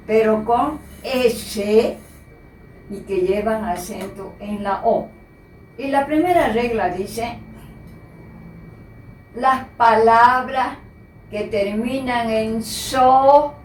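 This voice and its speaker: Woman teacher, spelling lesson, very slow and patient, higher voice, echoey room, mic at a distance. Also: a little mellow, a little hiss or hum. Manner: slow, patient, repeats key words.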